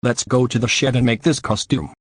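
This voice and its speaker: A man's voice: medium pitch, fairly even intonation, brisk, breathy edge, no room sound, natural voice. Man voicing a scheming cartoon car troublemaker, dry sound. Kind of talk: scripted cartoon monologue.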